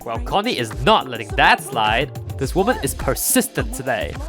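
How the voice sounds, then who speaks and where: A woman narrates gameplay with a lively, bouncing voice. She teases the characters, laughs often and keeps an animated, chatty delivery. Soft music sits faintly behind her. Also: extremely low pitch, moderate pace. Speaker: let's play narrator. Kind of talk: playful game commentary.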